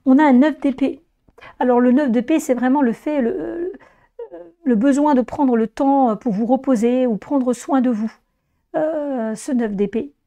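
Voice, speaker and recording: A woman with a hoarse, strained voice that sits fairly high yet has a soft, mellow tone. She gives an informal tarot reading, speaking directly to viewers as she explains. Her voice sounds worn by laryngitis. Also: measured pace. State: hoarse, voice weakened by laryngitis after flu. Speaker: tarot reader presenting a monthly horoscope reading.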